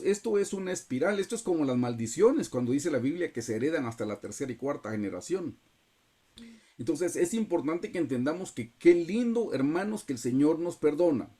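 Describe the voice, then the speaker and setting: A man's voice: a little high, expressive, fairly quick, mellow. A man with a Guatemalan accent preaching a Bible study over a video call, earnestly addressing the listeners as brothers while sharing a personal testimony. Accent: Guatemalan Spanish. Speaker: pastor leading a Bible study.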